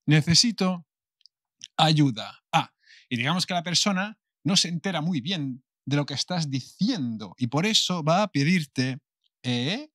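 A man from Spain with a Castilian accent teaching a beginner Spanish lesson, modelling phrases slowly and then rushing through his asides. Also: on the high side, lively intonation, fairly bright tone, no echo, clean studio sound.

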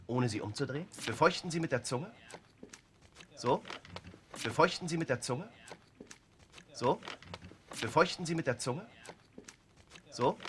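An actor playing a uniformed officer who leads a guessing game at a table, giving playful instructions in a film scene. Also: male voice, medium pitch, slight background noise, natural voice. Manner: instructing, playful, laughs often. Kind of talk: film dialogue.

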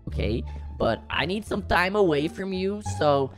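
A man's voice: high-pitched, expressive, a little slow. A man using a voice changer to play a young wife in a game roleplay, stammering and brushing his partner off dismissively. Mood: evasive. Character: prank wife character, young woman, brusque. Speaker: gaming roleplay prankster. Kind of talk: Minecraft roleplay. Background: loud background music.

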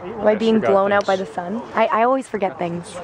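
A young woman with a slightly raspy voice, vlogging in a chatty, giggly, rambling way from a film set where she works as a stunt performer. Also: mid-range voice, steady tone, brisk, a crowd in the background. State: voice sounding raspy. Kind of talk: casual vlog chat.

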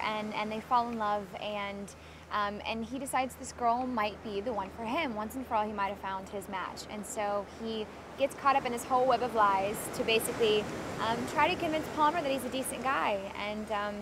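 Soft-spoken woman in a noisy interview. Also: a little high. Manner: soft-spoken, sweet, with fillers. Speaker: actress interviewed about a film. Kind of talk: casual press interview.

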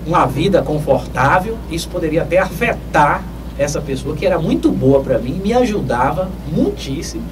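A man's voice: fairly high pitch, big pitch swings. Man, lecturing radio host. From Northeast Brazil. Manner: measured, lecturing, with emphatic rises. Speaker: radio host answering listener questions. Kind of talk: advice talk on radio. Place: small dark radio studio. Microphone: studio mic on boom, heard from a distance. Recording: distant mic with clear background noise.

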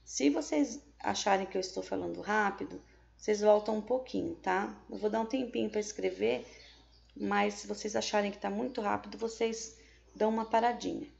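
A woman's voice: mid-range voice, normal speed, gravelly, a little mellow, muffled recording. A woman with a Brazilian Portuguese accent, teaching a remote lesson to young pupils and explaining each step patiently, with frequent checks. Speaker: primary school teacher.

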